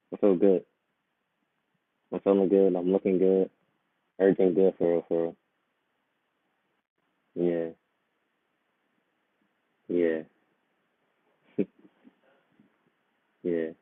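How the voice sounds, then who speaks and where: A man with a very low voice chats casually on an online panel. He comes through a muffled bluetooth headset mic, so he sounds boxed in, like he's inside a water bottle. The line is thin and phone-like and completely dry, with no room sound at all. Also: flat delivery, slow, pauses often, dry recording.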